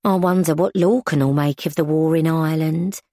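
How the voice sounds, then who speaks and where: A woman voicing a weary, resigned young kitchen maid who talks slowly. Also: low voice, steady tone, dark tone, dry recording, studio quality, natural voice.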